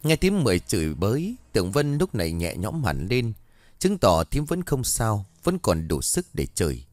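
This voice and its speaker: A man reading a ghost story in a dramatic, expressive way. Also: fairly low pitch, moderate pace, no echo. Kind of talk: scripted ghost-story narration.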